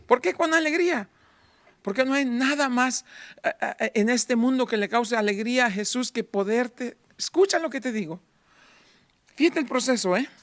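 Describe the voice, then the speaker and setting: A man in his fifties preaching a sermon in church, moving between fervent raised passages and hushed near-whispers. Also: extremely high pitch, expressive, moderate pace, dry recording. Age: 50s. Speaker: pastor.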